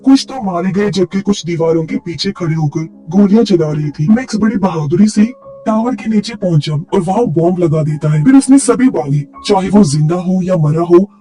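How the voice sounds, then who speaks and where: A man with a high, mellow voice narrates a movie recap at a steady storytelling pace. Faint music plays beneath his voice. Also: moderate pace.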